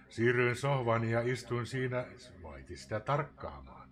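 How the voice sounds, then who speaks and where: Theatrical man reciting poetry. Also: lowish voice. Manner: theatrical, swinging between loud outbursts and hushed whispers. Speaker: live streamer reading a poem.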